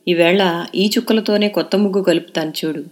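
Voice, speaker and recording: A woman's voice: on the low side, a little fast, close to an everyday voice. A woman voicing a clever, bashful teenage girl in an audio novel. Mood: girlish. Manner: lively, shy.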